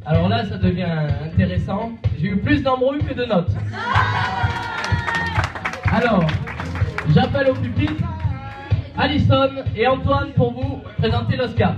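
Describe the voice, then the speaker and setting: Young man hosting a student awards night with teasing jokes, pushing the crowd to cheer louder. His voice is fairly high and heard from far away in a reverberant hall. The sound is a bit dull, with crowd and music around him. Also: a little slow, pauses often. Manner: teasing, prods the audience for noise. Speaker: ceremony host. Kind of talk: joking live event hosting.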